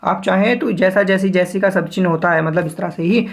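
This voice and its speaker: A man gives a patient spoken lesson on shorthand, walking through each step. He keeps checking in with his listeners. He also slows down to sound out words one by one as he demonstrates them. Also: sits high. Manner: explains step by step, checking in often. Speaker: shorthand teacher.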